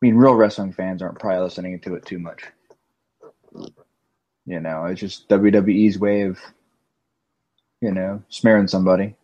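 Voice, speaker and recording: A man's voice: low voice, steady tone, normal speed, pauses often, a little mellow. A man co-hosting a live podcast in casual chat, talking in an offhand way over a muffled, dropping online call. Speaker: podcast co-host.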